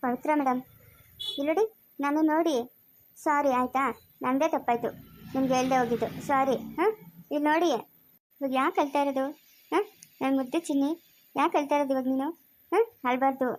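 A woman playing a poor, gentle young male hotel worker who talks in a soothing, coaxing way in a family skit. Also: very high-pitched, quick pace, pauses often, slight background noise. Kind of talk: amateur family skit acting.

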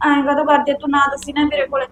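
A woman's voice: high voice, monotone, fast talker, a bit bright, slight background noise. Woman playing a pleading young village girl. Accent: Punjabi. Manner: pleading, defensive. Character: young woman Sandeep, pleading, fearful of her brother. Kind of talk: village web-series drama.

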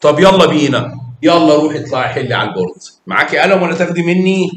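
A man's voice: fairly high pitch, lively intonation, rapid-fire, roomy sound. A man with an Egyptian Arabic accent teaching math to young children, coaxing and quizzing them with praise.

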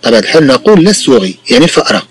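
A man teaching a lesson, speaking slowly and repeating each sentence in two languages. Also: mid-range voice, sing-song, slight background noise, low-quality recording. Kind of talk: bilingual classroom lesson.

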